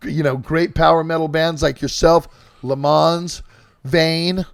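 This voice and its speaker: A man's voice: on the high side, fairly even intonation, takes it slowly, vocal fry. A man hosting a casual interview, enthusiastic and rambling, swearing casually. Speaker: podcast host.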